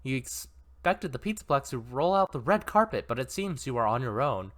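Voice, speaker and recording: Chatty male reader with asides and self-corrections, animated pitch. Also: normal speed. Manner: chatty, self-correcting, laughs at own mistakes. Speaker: story reader and commentator. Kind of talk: reading an interactive novel aloud with asides.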